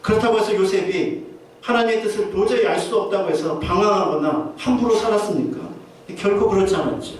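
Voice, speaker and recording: A man preaching a sermon as pastor, earnestly asking his listeners question after question. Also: high voice. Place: church sanctuary. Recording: very echoey church hall from far off, faint noise.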